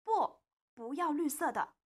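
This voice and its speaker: Mom doing a timid little wolf pup, stubborn too, high lively breathy voice, storybook style. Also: female voice, measured pace. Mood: insistent. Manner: eager, timid, childlike. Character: shy, stubborn little male green wolf cub.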